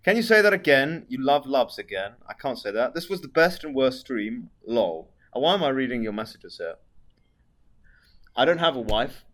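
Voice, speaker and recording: A man's voice: mid-range voice, big pitch swings, normal speed, fairly bright tone. A man with a posh British accent chats casually as a live streamer, reading out viewer messages in a dry, sweary manner. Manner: sweary, dry, tag questions.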